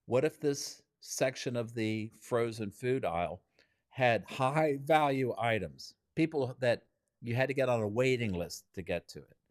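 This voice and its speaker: A man teaching creativity in a keynote style, telling anecdotes as an animated storyteller who chuckles and acts out what others said. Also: medium pitch, unhurried, dry recording, studio quality. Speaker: creativity trainer.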